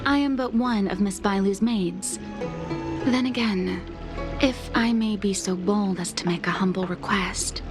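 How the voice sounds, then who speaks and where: Lightly acted and measured in pace, a woman's mid-range voice brings to life a young maid whose devotion shows in her formal, courteous, earnest speech. It's video game dialogue with background music underneath.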